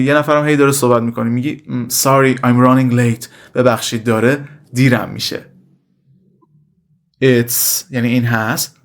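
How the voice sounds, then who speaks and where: A man teaching a language lesson, speaking at a middle pitch. He says each example phrase slowly and carefully, then rattles off a quick, casual explanation, calling his students "kids". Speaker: English teacher.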